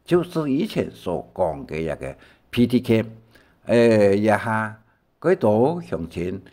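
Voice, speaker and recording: An older man from Taiwan teaching a Hakka language lesson, explaining slowly with many fillers and repeated words. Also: fairly low pitch, very animated, warm tone. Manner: slow, rambling explanations with many fillers and repetitions.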